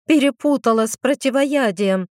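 A woman voicing a spirited young female mage student, lively and a little whiny. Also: high-pitched, normal speed, no echo, clean studio sound, pitched above the performer's own voice, natural voice.

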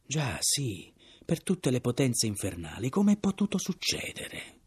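A man's voice: medium pitch, huge pitch swings, measured pace, a little mellow, slightly rough, pitched above the performer's own voice, full character voice. A man reading an audiobook voices a gaunt, deathly ill first mate who speaks solemnly in a hollow voice and breaks into agitated questions.

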